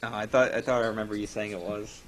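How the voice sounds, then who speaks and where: A man's voice: fairly low pitch, flat delivery, fast talker, a bit bright, a little hiss or hum. A man co-hosting a casual podcast chat, sarcastic and opinionated. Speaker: podcast co-host.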